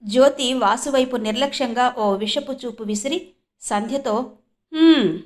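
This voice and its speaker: A woman from India narrating a novel aloud in a steady, expressive storytelling manner. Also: a little high, normal speed. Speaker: audiobook narrator. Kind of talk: novel reading.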